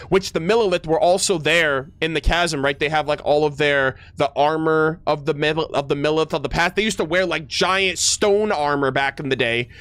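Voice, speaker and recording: This man's voice is fairly high and a little bright, recorded with no echo. He's a streamer reacting to a video game, giving casual, enthusiastic, slang-heavy commentary, often tripping over his words and reading the game's text out loud.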